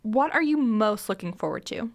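A woman hosting an interview podcast, asking brisk questions and giving frequent short, encouraging acknowledgements. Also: a little high, big pitch swings. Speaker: podcast host. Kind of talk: casual interview.

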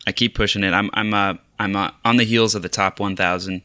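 A man's voice: fairly low pitch, steady tone, fairly quick, bright, forceful tone, no room sound, studio quality. A man co-hosting a podcast, chatting casually about video games with many hesitant restarts. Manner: hesitant, lots of restarts and fillers. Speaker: podcast co-host. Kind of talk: casual gaming chat.

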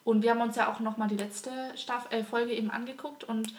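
A woman's voice: on the high side, level tone, brisk, distant mic, a little hiss or hum. A young woman co-hosting a podcast, chatting casually and gushing as she retells TV scenes with lots of fillers. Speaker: podcast co-host. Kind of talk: casual chat about a TV series.

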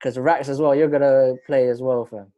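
A male podcast host chats casually in a London roadman accent. His voice sits at a middle pitch, and he talks in loose street slang, often doubling back on his phrases. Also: fairly even intonation, normal speed, warm tone. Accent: London roadman, urban slang. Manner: slangy, informal, repeats himself.

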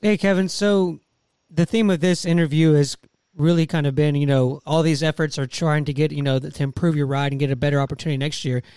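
A man's voice: on the high side, steady tone, brisk, darkish tone, smooth, no room sound, clean studio sound. A man asking questions as an interviewer in a casual conversational style.

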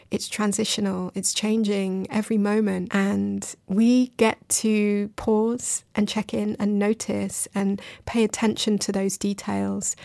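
Creaky-voiced woman hosting a reflective podcast. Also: medium pitch, darkish tone, no room sound. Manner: reflective, earnest, affectionate toward listeners. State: emotional, recently crying. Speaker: podcast host and creative coach. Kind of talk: casual solo podcast monologue.

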